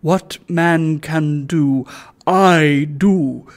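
A self-righteous wealthy old gentleman, played by a man reading a storybook aloud, speaks with solemn, pompous majesty. His delivery is slow and deliberate, in a slightly raised register. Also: a little high. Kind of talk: audiobook reading.

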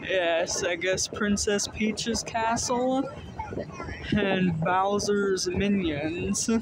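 Young-sounding man, high voice, slow deadpan vlog narration, loud vehicle rumble behind. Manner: dry, deadpan, mock-enthusiastic. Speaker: vlogger. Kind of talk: casual sarcastic narration. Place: outdoors at night on a hay wagon ride. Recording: vehicle noise outdoors.

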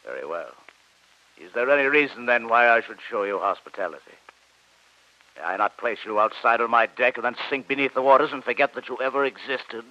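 An actor playing a proud, embittered submarine captain in an old radio drama, imperious, formal and theatrical. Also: male voice, mid-range voice, expressive, fairly quick, dry recording, natural voice. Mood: indignant. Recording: muffled old radio recording.

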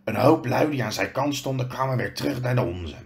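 A man reading a storybook aloud, voicing a huge, gruff but kindly male half-giant who tells his story with earnest hesitation. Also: mid-range voice, expressive, a little fast.

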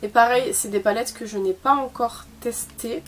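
A woman's voice: on the high side, normal speed. A young woman chatting casually through a makeup haul from her bedroom, with lots of fillers and small laughs. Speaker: beauty vlogger.

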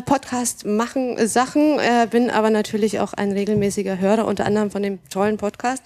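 A woman's voice: medium pitch, darkish tone. Playful woman introducing herself. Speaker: workshop participant, newcomer. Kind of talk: self-introduction. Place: large seminar room.

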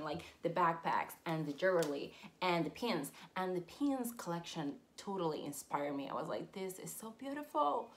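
A young Puerto Rican woman in her twenties, whose first language is Spanish, films a collector's haul video in an indoor room lined with shelves of collectibles. Her lowish voice carries a faint hiss or hum as she chats animatedly, squealing with excitement and laughing often, picked up by a camera at desk distance.

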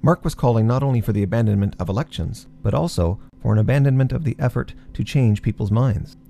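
A man narrates a documentary in a formal, measured script. His voice is gravelly and mellow, and he moves along at a brisk pace. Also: medium pitch.

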